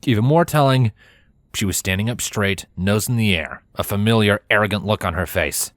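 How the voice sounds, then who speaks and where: A man reading a story aloud with steady, even narration. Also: on the low side, moderate pace, no echo, studio quality. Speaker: fanfiction reader.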